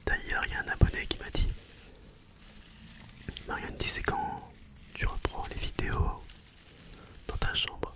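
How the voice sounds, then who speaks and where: An ASMR host sits on the floor at home, chatting casually in a breathy, unvoiced whisper and slowly repeating words and phrases.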